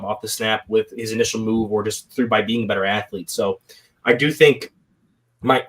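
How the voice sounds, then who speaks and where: A man co-hosts a football draft podcast, explaining a prospect in a mid-pitched, conversational voice. His explanations run long, strung together with fillers. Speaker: podcast co-host. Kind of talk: podcast scouting talk.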